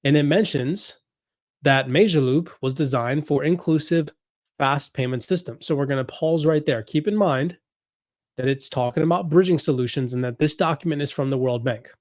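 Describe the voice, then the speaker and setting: A man's voice: fairly high pitch, moderate pace, a little mellow, dry recording, studio quality. A man hosting a finance commentary video, scrolling through documents on screen, reading passages aloud and stressing the same points again and again. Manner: explains while scrolling, reads passages aloud, repeats points. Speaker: crypto commentary host. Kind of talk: screen-share document walkthrough.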